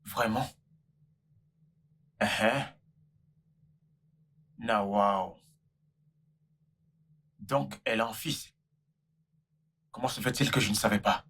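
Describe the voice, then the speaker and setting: An actor playing a smooth-talking man who juggles lovers for money, coaxing and pleading. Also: lowish voice, slow, pauses often, a bit bright, exaggerated voice. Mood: sweet-talking. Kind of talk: dubbed film drama.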